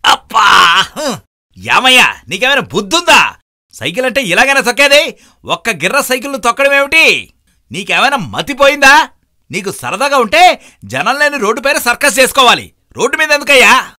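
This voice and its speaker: A man voicing an angry middle-aged biker who shouts and scolds. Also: very high-pitched, big pitch swings, normal speed, voice pushed up, heavily acted. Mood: angry shouting.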